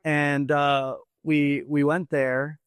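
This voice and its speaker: Animated storytelling man, bright-leaning voice. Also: on the high side, very slow, smooth, no room sound. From Canada. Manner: animated, emotional storytelling, acts out quotes. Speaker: podcast guest. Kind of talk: casual podcast conversation.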